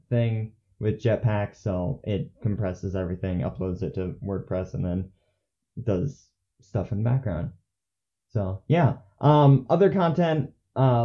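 A young man hosting his own channel, talking off the cuff in a rambling way with many fillers and restarts. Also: on the low side. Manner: rambling, self-correcting, filler-heavy; says he gets monotone when scripted. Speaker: channel host. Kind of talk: unscripted casual vlog. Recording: dull lo-fi audio.

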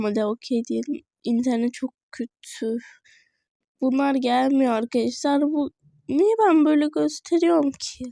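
High-voiced chatty woman narrating gameplay. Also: mellow, no echo, studio quality. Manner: chatty, easily frustrated, talks to viewers. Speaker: gaming video creator. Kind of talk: casual gameplay commentary.

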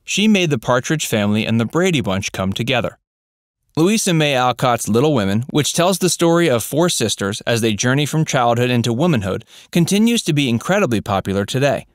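A man narrating a scripted voice-over, reading facts in an even, read-out way. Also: medium pitch, a little fast, no echo, studio quality.

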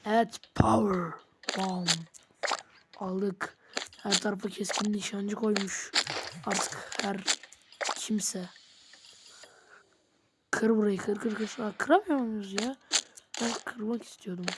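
A woman giving casual let's-play commentary, excitable, talking straight to her viewers and slipping into whispered asides. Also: mid-range voice, takes it slowly, long pauses, heavy background noise. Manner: excitable, often addresses viewers as "friends", drops into whispered asides. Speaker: gaming channel host.

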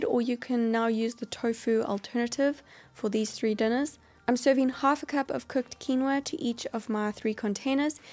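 Calm woman explaining meal prep. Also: fairly high pitch. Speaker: cooking channel host. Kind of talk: instructional voice-over.

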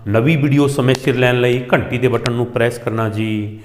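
A man's voice: mid-range voice, steady tone, brisk, slight background noise. A male teacher going through a vocabulary list for pupils. He asks what each word means, answers it himself and repeats the meaning twice. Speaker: Punjabi teacher. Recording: roomy echo with long reverb.

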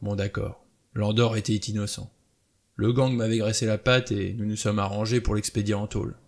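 A man's voice: fairly low pitch, flat delivery, moderate pace, creaky. A man doing Blore, a touchy indignant ex-cop. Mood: grudging. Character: blunt ex-policeman Blore, touchy and defensive.

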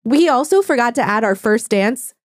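A young woman co-hosting a podcast in casual chat, animated and chatty, filling with "like" and swearing casually. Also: fairly high pitch, normal speed, dry recording, studio quality. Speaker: podcast co-host.

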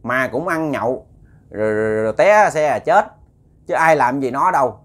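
A man's voice: medium pitch, lively intonation, moderate pace, fairly bright tone, natural voice. A man with a Southern Vietnamese accent voicing the spirit of a stern old woman who speaks through a possessed woman, scolding bluntly in a raised voice.

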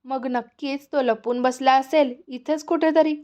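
A woman's voice: high-pitched, steady tone, unhurried, darkish tone. Woman playing a stern loving mother. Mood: calm. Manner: tender yet firm, coaxing. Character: loving stern mother scolding her son.

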